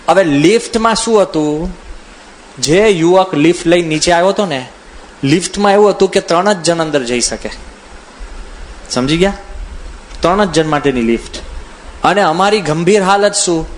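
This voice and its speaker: A man's voice: on the high side, slight background noise. A man who is a monk giving a humorous spiritual discourse, telling anecdotes and acting out the voices of people he quotes. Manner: animated, acts out quoted voices, chuckles while telling anecdotes.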